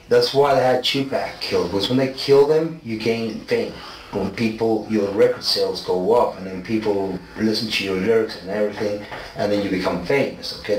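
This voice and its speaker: A man in his forties with roots in South Africa and Argentina answers insistently in a police interrogation, often checking in with "okay?". His voice is lowish. The clip is a roomy, distant, noisy surveillance recording from a fixed camera mic in a small, bare interview room.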